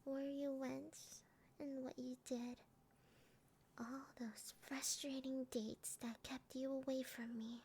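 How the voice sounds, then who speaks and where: A woman voicing a sweet, eerily obsessive, sadistic young lover in a breathy, girlish ASMR role-play. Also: sits high, a little mellow, slight background noise. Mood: gloating, cooing.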